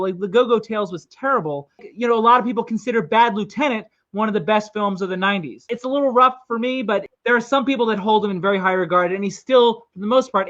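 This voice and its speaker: Podcast host in their forties, anecdotal storyteller, mid pitch, muffled lo-fi audio. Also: a bit bright. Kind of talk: casual film podcast chat. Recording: dull lo-fi sound.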